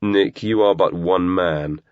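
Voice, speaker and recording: A sneering, theatrical young activist host, as a male narrator puts him on, full of sarcasm and mock politeness. The voice sits well above the reader's own low range and comes across dull and lo-fi, close and dry. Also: expressive, normal speed, no echo, close to an everyday voice.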